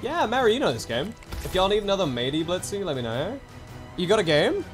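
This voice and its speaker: A man's voice: high-pitched, sing-song, a little fast. A young man streaming a game, talking in a jokey mock pirate voice and saying "arr" a lot. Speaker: streamer playing a pirate character. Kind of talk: casual gaming chat in a pirate voice. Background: game music.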